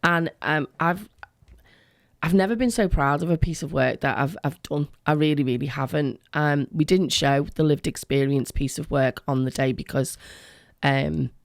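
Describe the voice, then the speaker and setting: A middle-aged woman with a creaky voice, talking earnestly and emphatically as a guest in a radio interview. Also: low-pitched, normal speed, dry recording, clean studio sound. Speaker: education worker, interview guest.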